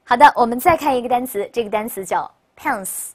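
A woman English teacher giving a recorded vocabulary lesson. She explains in Chinese in a chatty, upbeat way and slows right down to model each English word for listeners to repeat. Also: on the high side, a little mellow. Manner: upbeat, chatty classroom delivery with frequent "OK, 好的".

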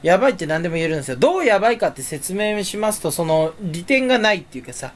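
Casual solo chatter, male, rambling and self-deprecating, pitch leaps all over. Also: sing-song, racing. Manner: rambling, self-mocking, swings pitch up suddenly. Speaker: streamer.

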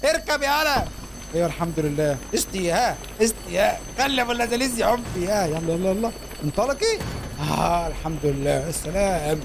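A young man with an Egyptian accent giving playful, excitable gameplay commentary as a gaming YouTuber, full of jokey slang. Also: sits high. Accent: Egyptian Arabic. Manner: excitable, playful, jokey street slang, cries out when startled. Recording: clear background noise.

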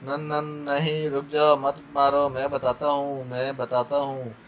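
A man's voice: medium pitch, steady tone, moderate pace, slight background noise, lightly acted. A man voicing a wounded male captive under torture, stammering and pleading for mercy. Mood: stammering fear.

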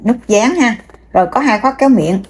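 A woman's voice: on the high side, lively intonation, a little fast, breathy edge. A woman, showing bags one by one and chatting straight to her viewers, with many fillers. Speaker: online seller. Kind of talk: casual product showcase.

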